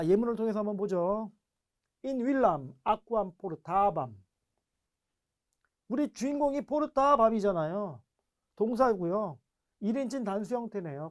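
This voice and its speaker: A man teaching an online grammar lecture in a chatty classroom way, asking rhetorical questions and repeating drilled word forms. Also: sits high. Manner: chatty, explaining in a lively classroom way.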